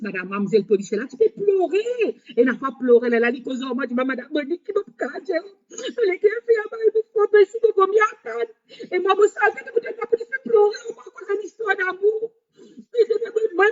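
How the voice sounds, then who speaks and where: Woman, high-pitched, rambling live-stream talk, halting repetitive phrasing, dull lo-fi recording. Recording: dull lo-fi sound.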